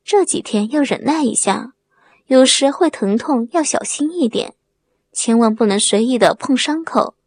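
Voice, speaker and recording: A young village man, read by a woman who sounds gentle and solicitous while he gives careful instructions. The voice is a little husky and fairly high, recorded dry and close. This is an audiobook story. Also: animated, moderate pace, dry recording. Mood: reassuring. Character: young male villager, outwardly caring and reassuring.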